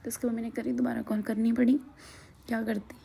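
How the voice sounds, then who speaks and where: A woman casually narrating a vlog, often slipping into a soft whisper and laughing. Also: a little high, level tone, a little fast, vocal fry, a little hiss or hum. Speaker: vlogger.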